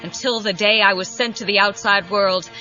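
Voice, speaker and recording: A woman's voice: mid-range voice, steady tone, moderate pace, pushed and bright, natural voice. A woman playing a noble, wistful Amazon superheroine in an audio drama, formal and reflective. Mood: wistful, proud. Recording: dull cassette sound, music behind.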